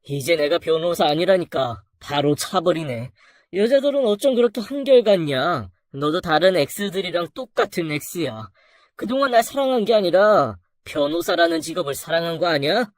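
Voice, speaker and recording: A storyteller voicing a lying husband who turns defensive and crude, lower than the narration's wife lines. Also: sing-song, normal speed, no echo, studio quality, lightly acted. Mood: resentful.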